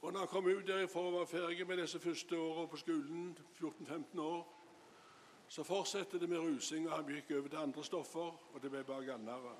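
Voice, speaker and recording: A man's voice: fairly high pitch, fairly even intonation. Man, lay preacher, sermon, retold testimony, long hall reverb, faint background noise. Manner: retells a story with many "he said" asides.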